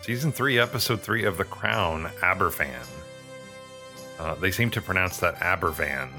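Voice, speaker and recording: A man's voice: lowish voice, a little fast, sharp tone, soft background music. A man co-hosting a podcast, chatting casually and reflectively about a TV episode. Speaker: podcast co-host. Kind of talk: casual chat reviewing a TV episode.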